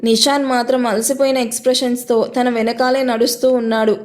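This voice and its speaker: A woman telling a romantic serial story, smooth and steady. Her voice is high and light. The delivery stays even throughout. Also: brisk.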